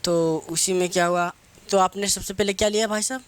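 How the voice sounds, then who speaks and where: A man lectures on English grammar for competitive exam students, speaking Hindi sprinkled with English phrases, asking questions and answering them himself while drilling terms. His high voice is brisk and clean, with fairly even intonation.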